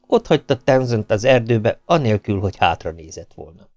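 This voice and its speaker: A man reading a novel aloud as an audiobook narrator, with an expressive delivery. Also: fairly low pitch, loud music behind the voice. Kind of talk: scripted narration.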